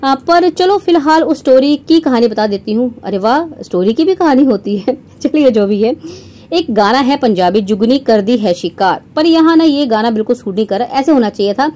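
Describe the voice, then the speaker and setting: A woman's voice: sits high, lively intonation, normal speed, mellow. A young woman reaction vlogger talking straight to her viewers, mocking and sarcastic, often tagging her lines with a rhetorical question. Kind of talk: scornful commentary to viewers.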